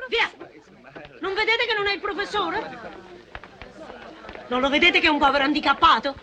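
A woman's voice: extremely high pitch, animated, normal speed. A woman playing a bossy, insistent nun who works as an orderly in a comedy film. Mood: commanding. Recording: film clip with busy crowd noise.

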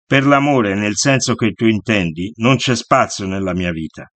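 A man voicing a grave, reserved male activist who speaks quietly and sternly in an audiobook. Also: on the low side, expressive, normal speed, no echo. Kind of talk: audiobook character voice.

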